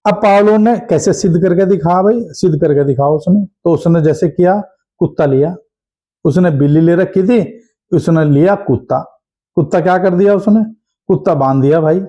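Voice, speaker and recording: An animated man teaching an exam-prep lesson, firing questions at his students and answering them himself. His voice sits a bit high but has a mellow, dark tone. The recording sounds dull and lo-fi. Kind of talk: lecture. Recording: dull lo-fi audio.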